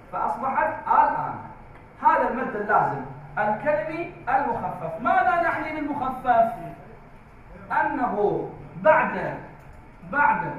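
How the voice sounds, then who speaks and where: A man teaching a tajweed class in a classroom, slow and drawn-out, repeating key words for the class. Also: very high voice, slight background noise. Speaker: Quran recitation teacher. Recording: very echoey, distant, tinny phone-like sound.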